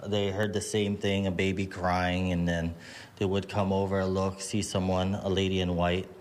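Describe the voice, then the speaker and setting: A man organizing a haunted attraction, interviewed on location, talking casually with many fillers and pauses. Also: deep voice, flat delivery. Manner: hesitant, filler-heavy, casual. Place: outdoor plantation village house.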